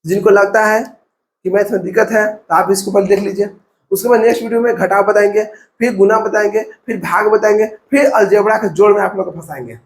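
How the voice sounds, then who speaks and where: Man, Bihari Hindi accent, math teacher, high voice, echoey room, counts steps aloud. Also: steady tone, fast talker, a little hiss or hum. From India. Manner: step-by-step coaching, repeats numbers aloud. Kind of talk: classroom math lesson.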